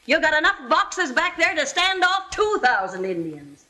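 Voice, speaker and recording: A woman's voice: high voice, very animated, moderate pace, sharp tone, full character voice. An actress playing a bossy frontier woman, scolding and sarcastic, with an American accent in old Western film style.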